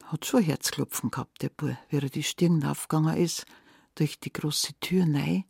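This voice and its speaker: Low husky Bavarian storyteller woman. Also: normal speed, no room sound, clean studio sound. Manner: lively, conversational, dialect words. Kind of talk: oral fairy tale telling.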